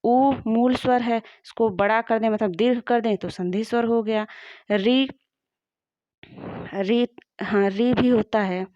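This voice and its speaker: A woman teacher walks through a grammar lesson at a steady, patient pace, repeating every point so students can follow. She is recorded up close in a dry room, and the sound is dull and slightly muffled. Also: medium pitch, takes it slowly, long pauses, no echo.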